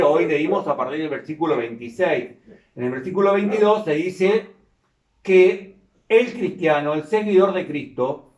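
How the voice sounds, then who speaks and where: Slow-speaking priest in cathedral-like echo. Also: male voice, fairly high pitch, lo-fi sound. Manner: slow, deliberate, measured phrasing. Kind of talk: solemn liturgical reading and homily. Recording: echoing cathedral-like church sound, distant microphone.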